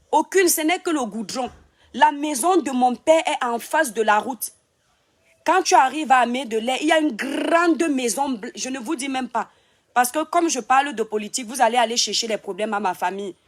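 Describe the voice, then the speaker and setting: A woman with a Cameroonian French accent talks to her live-stream viewers from home, her voice sitting a little high. She scolds and teases a critic, laughing as she goes, in loose casual talk. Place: home in Europe.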